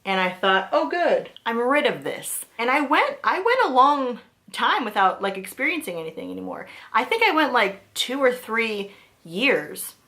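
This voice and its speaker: A young woman casually telling a personal ghost story to camera, animated and jumping up in pitch when she quotes herself. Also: normal speed.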